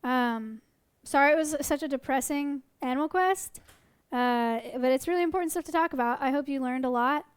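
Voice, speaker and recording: A woman in her twenties chats casually on a livestream, fielding questions about sanctuary animals with lots of ums and restarts. Her high-pitched voice is going hoarse as she loses it, moving at normal speed with hardly any pauses and no echo.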